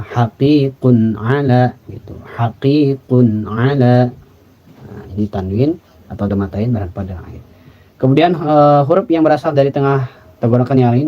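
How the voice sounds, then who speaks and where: A man teaching Quran recitation rules in a patient lesson, repeating example words slowly. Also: medium pitch. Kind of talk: tajwid lesson. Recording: slightly dull lo-fi sound.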